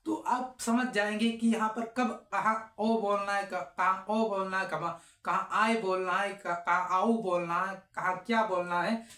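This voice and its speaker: A teacher walks through a phonics lesson at a very slow, deliberate pace. Each sound is drawn out and repeated, and the teacher keeps asking questions and answering them. The voice sits mid-range in a room with a noticeable echo. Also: medium pitch, fairly even intonation, bright, forceful tone.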